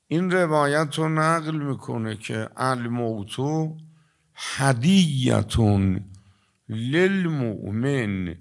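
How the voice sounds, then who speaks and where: An older man giving a sermon to a gathering, telling stories and drawing some words out slowly before rushing through others. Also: mid-range voice, a bit bright. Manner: storytelling, shifting between slow, stretched emphasis and quick asides. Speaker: preacher. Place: religious gathering with an audience.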